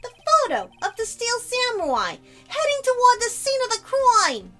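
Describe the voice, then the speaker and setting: Woman playing a blustering male detective, gruff, loud, high-pitched, faint music. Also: huge pitch swings, normal speed, exaggerated voice. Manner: brash, says "pal" a lot.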